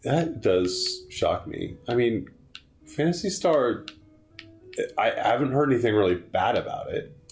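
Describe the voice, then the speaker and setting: A man's voice: mid-range voice, animated, measured pace, faint music behind. A man co-hosting a let's play, giving rambling, self-correcting game trivia in casual chat.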